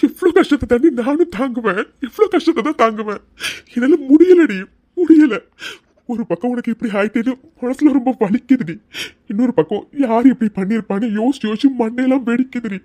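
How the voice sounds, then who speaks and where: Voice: medium pitch, fast talker, a little mellow, no room sound, lightly acted. A performer doing a devoted cartoon husband. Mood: crying. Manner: coaxing, then breaking into tears. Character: devoted young husband, emotional and teasing. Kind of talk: cartoon voice acting.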